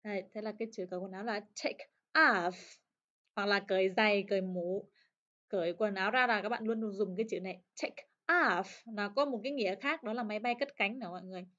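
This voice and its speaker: A woman teaching an English lesson, repeating words and sentences slowly and clearly for learners to copy. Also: mid-range voice, sharp tone, lo-fi sound. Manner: slow, drawn-out pronunciation drills. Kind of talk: language lesson.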